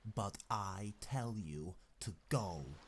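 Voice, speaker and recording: A hard, impatient man barks orders with slow, deliberate menace, voiced by a male narrator. His low voice sits heavily on each word. The storybook reading keeps the pace unhurried. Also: expressive, slight background noise, heavily acted. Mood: menacing. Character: stern, menacing grown man, impatient and commanding.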